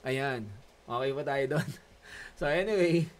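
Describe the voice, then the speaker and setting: A man's voice: mid-range voice, a little slow. Joking Filipino male instructor. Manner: joking, chatty Taglish teaching. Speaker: college instructor. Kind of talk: online class lecture.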